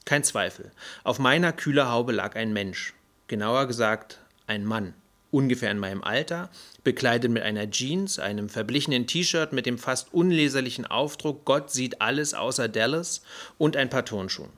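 A man reading a first-person audiobook story in an even, measured way. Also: mid-range voice. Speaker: audiobook narrator. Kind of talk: first-person scripted narration.

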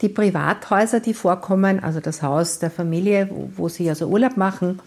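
A woman novelist from Lower Austria with an Austrian accent, reading her crime novel and talking thoughtfully about her writing. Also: brisk, a little mellow. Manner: thoughtful, explanatory. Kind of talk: author reading and interview.

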